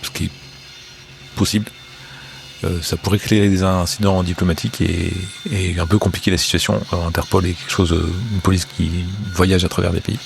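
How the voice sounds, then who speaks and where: A man running a tabletop role-playing game, narrating in a halting, improvised way. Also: sits low, little pitch movement, gravelly, slight background noise. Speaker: game master.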